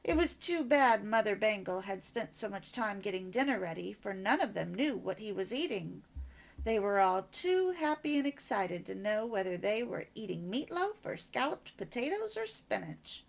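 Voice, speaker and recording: A woman reading an old children's storybook aloud in an expressive, warm way. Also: mid-range voice, moderate pace, gravelly. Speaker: storybook reader.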